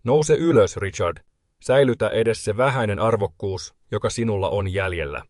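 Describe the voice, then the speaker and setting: A man voicing a cold, calm widowed grandmother. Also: fairly low pitch, no echo, studio quality, natural voice. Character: cold, unshakable widowed grandmother, older woman.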